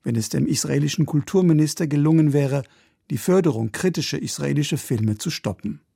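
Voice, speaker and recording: A man narrating a scripted radio news report in a measured, even delivery. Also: on the high side, gravelly, husky, no echo, studio quality.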